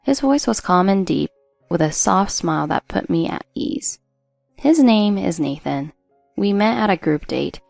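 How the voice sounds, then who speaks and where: A woman reading a first-person drama story as a narrator in a steady storytelling delivery. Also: lowish voice, vocal fry, dry recording.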